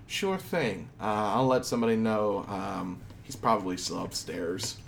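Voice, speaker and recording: A man's voice: fairly low pitch, lively intonation, a little slow, creaky, a little hiss or hum. A man doing a welcoming barkeep. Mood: friendly. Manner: welcoming, easygoing. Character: friendly middle-aged male barkeep.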